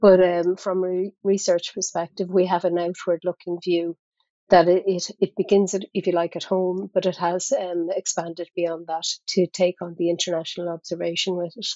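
Woman co-author, low and monotone, slightly dull audio, repeats words while she thinks. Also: moderate pace, no room sound. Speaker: researcher and co-author. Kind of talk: panel discussion.

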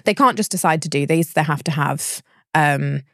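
Podcast co-host, woman, deep voice, dry close sound, chatty and explanatory. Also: dry recording. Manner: explains cases at length, quick to laugh. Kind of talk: casual chat.

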